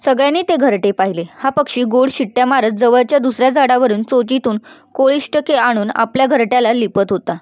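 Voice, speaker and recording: A woman narrating a love story audiobook in an even, measured storytelling manner. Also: on the high side, dry recording.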